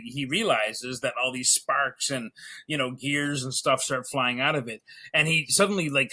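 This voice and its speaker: A man who works as an illustrator, chatting as a podcast guest and telling stories about old cartoons with growing excitement. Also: mid-range voice, breathy edge. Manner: animated storyteller, gets excited.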